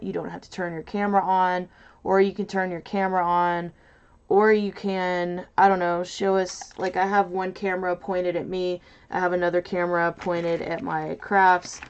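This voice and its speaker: Woman, loud and nasal, lowish voice, chatty stream host thinking aloud; dull lo-fi audio from an off-side mic. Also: creaky, smooth. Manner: rambling, hesitant, full of fillers. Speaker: livestream host. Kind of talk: casual livestream chat. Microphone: mic set off to the side, away from camera.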